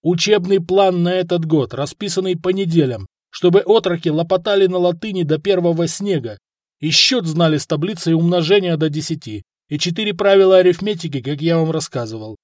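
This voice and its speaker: A man's voice: on the high side, a little fast, darkish tone, no echo, clean studio sound, close to an everyday voice. A man doing a curt, commanding prince. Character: stern, impatient male prince.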